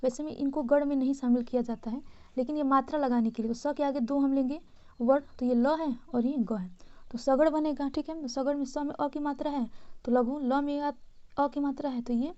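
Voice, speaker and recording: A woman with a high, mellow voice teaches a grammar lesson. She explains each point patiently and keeps asking her listeners whether they follow. The recording sounds dull and lo-fi. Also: steady tone, a little fast. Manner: patient, checks in often with "है ना" and "ठीक है".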